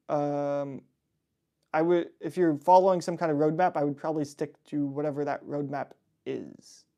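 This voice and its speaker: A young man with a warm, fairly high voice hosts a casual livestream Q&A, reading viewers' questions from the chat and answering them. He's laid-back and chatty, often laughing and dropping in fillers.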